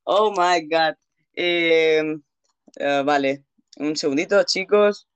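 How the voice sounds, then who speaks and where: A woman's voice: low-pitched, slow, clean tone. A woman with a Castilian Spanish accent hosting a casual live show, chatty, playful and given to exclamations. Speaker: host. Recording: dull, lo-fi audio.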